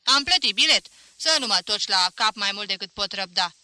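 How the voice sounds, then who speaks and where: A woman shouting as an angry mat-seller. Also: medium pitch, animated, dry recording. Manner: shouting, blunt. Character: angry man, mat-seller, war veteran.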